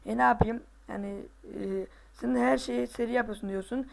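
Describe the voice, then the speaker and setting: A male gaming host giving casual let's play commentary, excitable, groaning and boasting to himself as he plays. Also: very high-pitched, moderate pace, vocal fry.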